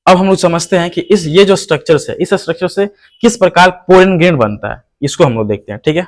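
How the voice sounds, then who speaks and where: A high-voiced man speaks quickly while teaching biology online. His habit is to ask his students something, answer it on his own, and go over the key terms again, all while calling the viewer "hero."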